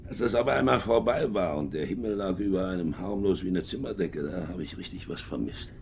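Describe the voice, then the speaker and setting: In a noisy 1950s German radio drama recording, an actor plays a hardened, domineering middle-aged sea captain and war veteran. His male voice is gravelly, creaky and low with a darkish tone, a little fast. Brooding and clipped, he swings from hearty to a menacing murmur.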